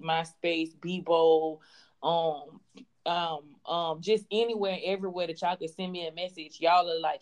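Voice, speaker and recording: Woman in her 20s, podcast host, lower register, loose playful chat. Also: a little mellow. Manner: playful, chatty, lots of fillers and laughs. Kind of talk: casual chat.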